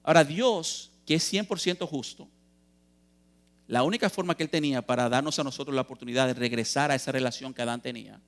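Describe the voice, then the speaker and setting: A man's voice: a little high, a bit bright. A man preaching a youth sermon in a church, earnest and emphatic, posing questions and answering them, calling his listeners brothers.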